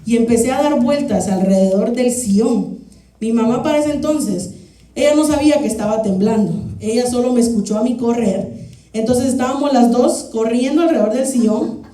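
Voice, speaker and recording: A young woman, preaching a sermon in a lively, humorous, storytelling way in a church hall. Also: fairly high pitch, normal speed. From Guatemala. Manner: animated, humorous, acts out shouts. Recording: echoey church hall from far off.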